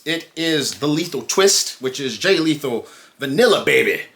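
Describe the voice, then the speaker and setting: A man co-hosting a wrestling podcast, opening with a showy sing-song welcome and then recapping matches in relaxed, casual chat. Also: fairly high pitch, normal speed. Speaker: podcast co-host.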